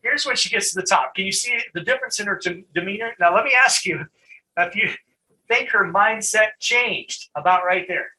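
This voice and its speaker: A middle-aged man giving a live online training talk, conversational and animated, often laughing and restarting his sentences. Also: sits high, normal speed, low-quality recording.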